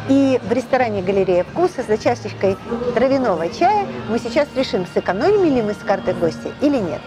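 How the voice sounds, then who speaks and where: Upbeat woman tour presenter, highish voice bouncing around, music going loud underneath. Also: a little fast. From Crimea. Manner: bubbly, expressive. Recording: music playing behind.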